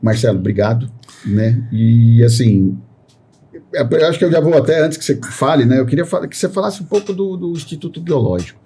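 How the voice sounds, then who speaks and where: The man hosting this podcast sounds animated and a little fast, his mid-range voice dark and slightly rough. His sentences run long and rambling, studded with constant "né" tag questions.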